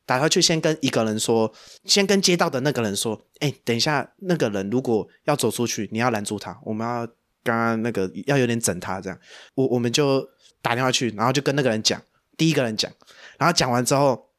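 A man's voice: mid-range voice, fast talker. A man in his twenties with a Taiwanese Mandarin accent, co-hosting a casual podcast and telling stories with plenty of slang and swearing. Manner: animated, profane storytelling full of slang. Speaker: podcast co-host. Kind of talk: casual chat.

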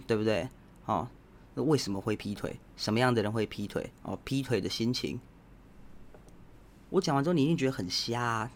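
Speaking at medium pitch over slight background noise, this Taiwanese Mandarin-accented man hosts a podcast. His casual monologue offers opinions, and he lectures the audience directly in a blunt, provocative way.

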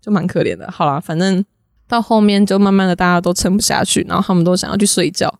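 A young woman with a Taiwanese Mandarin accent, a podcast guest telling stories in a rapid, giggly, chatty way. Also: on the low side, no echo, studio quality. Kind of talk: casual storytelling chat.

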